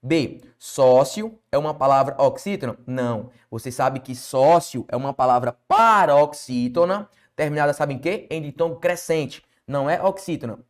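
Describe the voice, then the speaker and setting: A man's voice: fairly high pitch, lively intonation, normal speed, few pauses. Emphatic Brazilian man teaching grammar. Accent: Brazilian Portuguese. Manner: emphatic, quizzing the viewer with rhetorical questions. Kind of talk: exam-prep grammar lesson.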